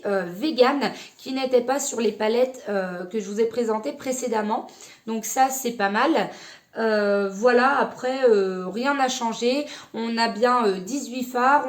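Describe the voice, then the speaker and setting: A woman beauty vlogger casually reviewing an eyeshadow palette, talking in a hesitant, chatty way with many pauses and restarts. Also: on the high side.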